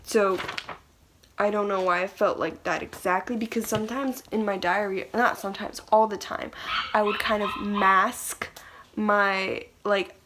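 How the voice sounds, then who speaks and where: A young woman shares her old diary in a casual, confessional vlog style. She speaks at a medium pitch and moves between reading and commenting, rambling a little and sounding hesitant and self-conscious. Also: steady tone, a little slow, noisy background.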